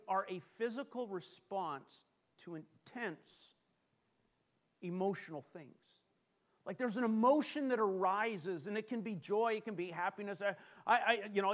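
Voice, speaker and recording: A middle-aged man preaching a sermon, animated and self-deprecating as he tells personal stories. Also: sits high. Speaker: pastor.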